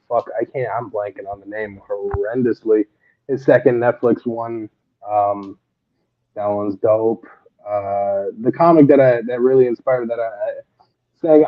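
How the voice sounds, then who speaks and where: In a relaxed interview, a stand-up comedian laughs a lot as he tells rambling stories about his beginnings in comedy. His voice is mid-range, and the recording has its highs cut off.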